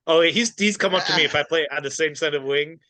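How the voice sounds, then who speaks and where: A man co-hosting a podcast in casual chat, easygoing and quick to laugh. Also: a little high, sharp tone, no echo. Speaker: podcast co-host.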